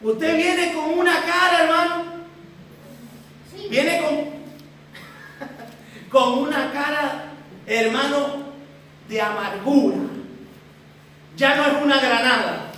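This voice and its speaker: A woman's voice: high voice, takes it slowly, pauses often, a bit bright, a little hiss or hum. A woman preacher teaching a sermon, asking rhetorical questions and addressing the congregation as brothers and sisters. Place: large echoey church hall. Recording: echoey church hall from far off.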